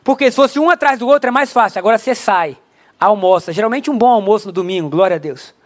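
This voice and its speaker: A man's voice: sits high, lively intonation, quick pace. A young adult man preaching a conversational sermon in a church, with frequent rhetorical asides to the congregation. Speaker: pastor.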